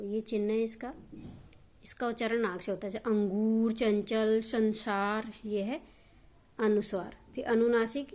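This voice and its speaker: Woman, teacher, grammar lesson, slightly high voice, step-by-step explaining. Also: a little mellow. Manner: explains step by step, asks and answers her own questions.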